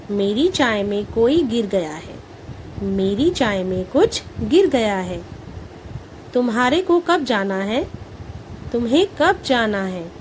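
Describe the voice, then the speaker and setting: A woman's voice: a little high, a little hiss or hum, rough recording. A woman reading a scripted grammar lesson, saying each word carefully and repeating it. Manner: slow, even, careful pronunciation drills.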